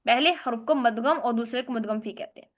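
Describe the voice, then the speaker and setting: A woman teaching a tajweed class, explaining rules step by step and reciting Arabic words slowly and drawn out. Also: fairly high pitch. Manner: explains rules step by step, asks and answers own questions. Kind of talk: tajweed lesson.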